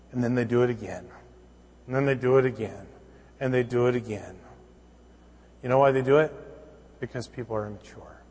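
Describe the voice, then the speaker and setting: A man preaching from the pulpit in a church sanctuary, his voice trailing into a long hall reverb. He tells stories and acts out the dialogue, then rises into emphatic, insistent preaching. His pitch sits in an ordinary middle range. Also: darkish tone, slightly rough. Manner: storytelling with acted dialogue, rising to emphatic preaching. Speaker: pastor. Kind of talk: sermon.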